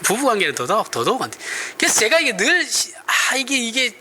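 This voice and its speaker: A middle-aged man with a Gyeongsang accent preaches in a sermon, speaking in a high voice with very bright, forceful tone. His delivery is chatty and animated, swinging widely in pitch, asking for agreement and laughing at himself. A faint hiss sits under the recording. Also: a little fast. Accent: Gyeongsang Korean. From Gyeongsang region, Korea. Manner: conversational, often asks the congregation for agreement, laughs at himself. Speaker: pastor.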